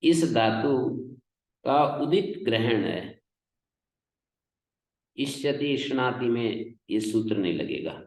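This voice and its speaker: A man's voice: medium pitch, lively intonation, slow pace, pauses often, roomy sound, rough recording. A man teaching Sanskrit grammar, reciting rules and then explaining them in a classroom lecture.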